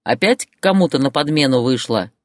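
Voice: mid-range voice, lively intonation, fairly quick, no room sound, clean studio sound, natural voice. A storyteller voicing a furious bullying husband who roars and barks insults, in an audiobook character voice. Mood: raging. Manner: roaring, barking, insulting.

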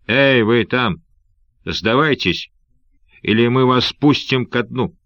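A stern naval officer calling out across the water with loud, demanding threats, played by a male reader. The voice is low and the recording dry and somewhat muffled. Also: normal speed, no room sound, natural voice. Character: stern male officer hailing from an enemy ship.

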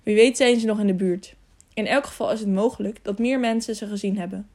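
A woman's voice: mid-range voice, brisk, warm tone, close to an everyday voice. A woman reading the part of a serious older male knight who speaks earnestly and measuredly in an audiobook. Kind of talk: audiobook character voice.

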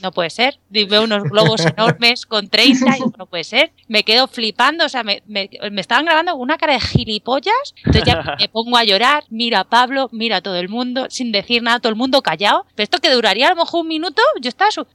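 A woman's voice: fairly high pitch, fast, hardly any pauses, no room sound. A woman of thirty, telling a story in casual chat and acting out the people she quotes. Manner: lively, acts out quoted people, swears casually.

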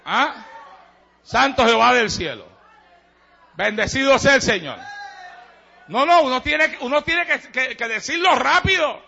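A man pastor with a Puerto Rican accent, preaching in an emphatic, joking way with sudden shouts. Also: extremely high pitch, animated, unhurried, creaky, pauses often, a faint crowd. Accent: Puerto Rican Spanish. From Puerto Rico. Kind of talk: sermon. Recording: dull lo-fi sermon recording.

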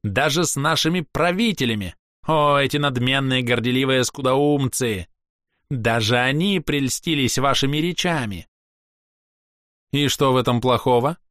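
A man's voice: mid-range voice, normal speed, fairly bright tone, no echo, voice pushed up, close to an everyday voice. Guy putting on a proud elf, ringing voice, grand and spiteful, dry close sound. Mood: indignant. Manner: grandiose, declamatory, capricious. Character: proud theatrical elf man, spiteful and vengeful.

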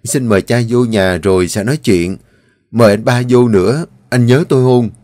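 A man's voice: medium pitch, normal speed, darkish tone, no echo, studio quality, natural voice. A man reading the part of a polite, respectful young son-in-law speaking to his father-in-law. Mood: courteous.

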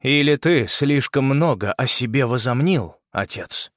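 A man voicing a calm, defiant young archer who answers his father in a level, cool tone. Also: medium pitch, a little slow, no room sound, studio quality, lightly acted.

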